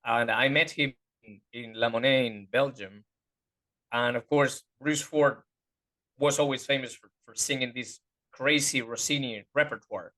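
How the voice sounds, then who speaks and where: A man talks through vocal anatomy in a loose, unscripted interview, stopping often to find the right word. His voice sits in an ordinary middle pitch. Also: steady tone, a little slow, bright, forceful tone. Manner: hesitant, searching for words, many fillers. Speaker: guest voice teacher. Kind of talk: casual interview chat.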